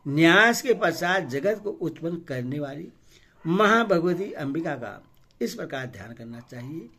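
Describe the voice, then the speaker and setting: A man reading devotional scripture aloud and intoning ritual mantras in a measured way, with frequent hesitant fillers between phrases. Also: a little high, very animated, pushed and bright, breathy edge. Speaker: scripture reader.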